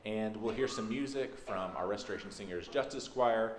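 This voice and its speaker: At a moderate pace and with a lowish voice, a Texan minister offers a conversational, folksy welcome to the congregation. The setting is a large indoor church sanctuary, and the recording is echoey, with background noise.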